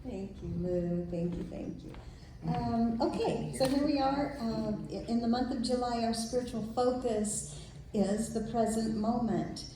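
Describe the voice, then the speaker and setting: A woman leads a service and introduces the next part in a soft-spoken, unhurried way. Her voice is warm and fairly high. The room around her is very echoey. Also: slight background noise. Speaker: service leader.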